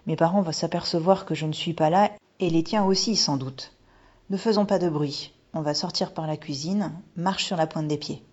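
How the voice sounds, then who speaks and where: A woman's voice: low voice, moderate pace, darkish tone, husky. A woman voicing a nervous young boy who stammers while acting brave, in a storybook reading. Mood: hushed. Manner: stammering, jittery. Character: nervous boy putting on bravado. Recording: dull lo-fi recording.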